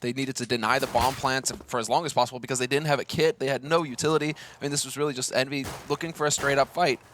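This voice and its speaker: A man giving energetic color commentary on an esports match, excitable and joking. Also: mid-range voice, slight background noise. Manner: excitable, joking, fast-talking.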